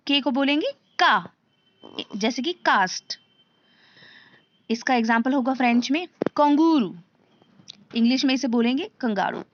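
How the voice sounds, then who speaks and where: A woman teaches slowly and patiently, repeating each letter and asking rhetorical questions as she goes. Her voice sits a little high. The recording is slightly muffled and lo-fi. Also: a little hiss or hum. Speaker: language teacher. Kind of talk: slow step-by-step lesson.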